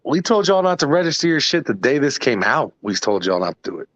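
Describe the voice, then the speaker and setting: Laid-back man with a lively voice. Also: mid-range voice, fast talker, no room sound, lo-fi sound. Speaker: panel guest. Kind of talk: casual livestream panel talk.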